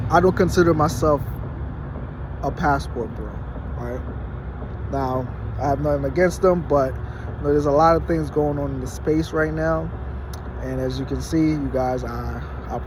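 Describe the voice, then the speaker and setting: A Haitian-born vlogger in his late twenties talks casually into his phone, which is propped against a wall in an outdoor parking lot at night. His voice is medium in pitch, and his speech is full of fillers and restarts. The noisy recording picks up traffic and car sounds.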